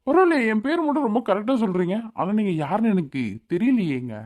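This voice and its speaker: A woman's voice: mid-range voice, big pitch swings, quick pace, darkish tone. A woman voicing a grumpy, dismissive young businessman in a cartoon. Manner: irritable, offhand, dismissive. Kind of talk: cartoon voice acting.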